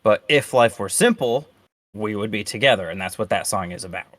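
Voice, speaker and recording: Low-voiced man, calm and reflective. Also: fairly quick, dry recording. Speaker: panelist, songwriter. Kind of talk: casual online panel chat.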